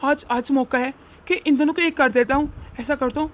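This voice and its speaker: A woman voicing a middle-aged father-in-law who schemes kindly and scolds in a fatherly way in an animated family drama. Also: high-pitched, moderate pace, a little hiss or hum, close to an everyday voice. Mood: scheming.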